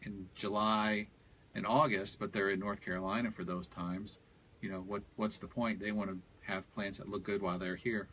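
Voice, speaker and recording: A fairly low-voiced man talks through garden layouts in a relaxed, explanatory way, with plenty of "you know" fillers. There is a faint hiss of noise behind him. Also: moderate pace. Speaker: landscape designer guest. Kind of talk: casual radio talk.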